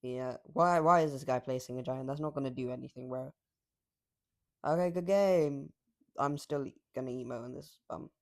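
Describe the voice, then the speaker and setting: A man with a mid-range voice talks at normal speed while playing a mobile game, rambling casually with cocky trash talk. Recording late at night has made his voice slightly raspy.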